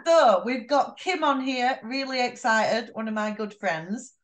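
An excitable, chatty woman in her thirties with a Yorkshire accent, hosting a podcast. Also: on the high side, unhurried. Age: 30s. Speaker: podcast host. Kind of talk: casual chat.

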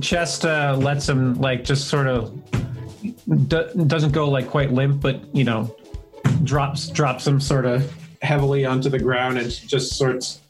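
A man's voice: medium pitch, low-quality recording. A man playing a tabletop role-playing game, describing his character's actions in a rambling way full of restarts. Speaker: player. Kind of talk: tabletop role-play narration.

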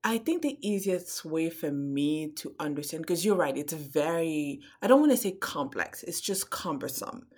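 A woman who grew up in Cameroon, a guest on a podcast, explaining things in a measured way. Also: low voice, lively intonation, darkish tone, breathy edge. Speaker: podcast guest, startup advisor. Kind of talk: casual podcast interview.

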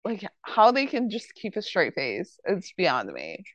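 A woman's voice: lowish voice, unhurried, no echo. A woman co-hosting a podcast, chatting casually and conversationally about a TV show. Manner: animated, conversational, uses fillers. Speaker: podcast co-host.

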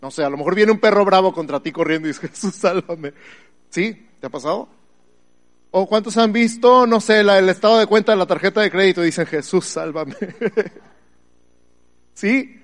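A middle-aged Mexican man preaching a lively sermon, quizzing his congregation and swinging between loud calls and quiet asides. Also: sits high, a little fast, long pauses. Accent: Mexican Spanish. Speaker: pastor.

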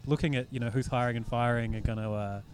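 A man with a New Zealand accent hosting a podcast, chatting casually about beer news with relaxed ums and restarts. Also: medium pitch, fast talker. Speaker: podcast host.

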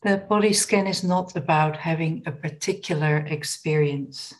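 A woman with a low voice guides listeners through a body scan meditation, giving instructions in a gentle, unhurried manner.

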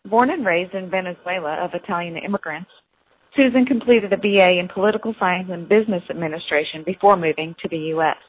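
A woman hosting a show reads a prepared, scripted introduction, then asks friendly questions over the phone. Her voice is fairly low, quick and slightly rough. The recording comes through a tinny phone line.

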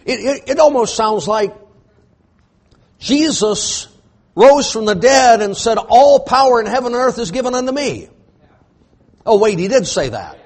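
High-pitched preacher man, emphatic sermon. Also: big pitch swings, measured pace, pauses often. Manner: emphatic, rising to shouts, repetitive preaching cadence.

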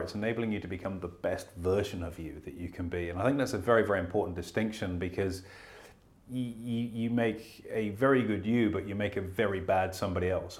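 A man hosting a casual talk show, speaking earnestly and often restarting his sentences. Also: fairly low pitch. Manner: earnest, self-correcting, stammers on restarts. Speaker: host. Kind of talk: casual podcast chat about investing.

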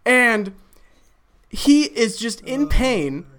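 A woman's voice: fairly high pitch, big pitch swings, very slow. A woman narrating a tabletop game as game master, often breaking into laughter.

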